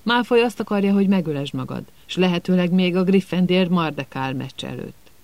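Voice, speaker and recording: A man's voice: high-pitched, expressive, vocal fry, darkish tone, no room sound. A man voicing a blunt, hot-tempered teenage boy in a storybook reading, speaking sharply. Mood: heated.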